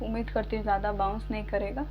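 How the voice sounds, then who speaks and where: A woman teaching a spoken English lesson, explaining verb forms slowly with many repeated examples and coughing now and then. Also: medium pitch, little pitch movement. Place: home room with fan switched off. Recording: dull lo-fi recording with faint hum.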